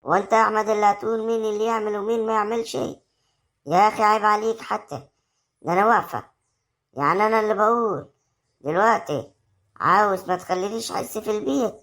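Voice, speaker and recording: A woman doing a domineering Egyptian mother-in-law from the village, scolding in quick, rapid-fire bursts. She talks at a mid pitch, confrontational and shrill, in a homemade web drama. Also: fairly bright tone, natural voice. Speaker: actor in amateur web drama. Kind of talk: amateur rural family drama acting.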